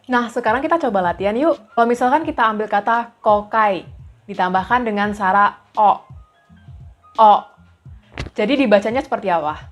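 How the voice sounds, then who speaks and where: Patient woman teaching, soft music behind. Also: medium pitch. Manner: patient, repeats sample syllables slowly. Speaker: language teacher. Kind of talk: explaining lesson.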